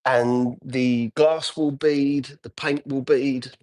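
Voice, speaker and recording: A man's voice: mid-range voice, steady tone, slow pace, darkish tone, no room sound. A man live-streaming as he details a car, chatting casually and answering viewer comments as he works. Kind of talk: casual live-stream chat while working.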